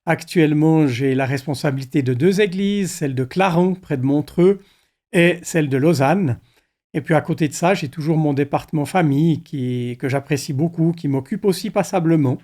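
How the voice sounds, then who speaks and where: A middle-aged pastor with a slightly high voice, calm and deliberate. He shares his thoughts in a measured, reflective way. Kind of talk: reflective conversation.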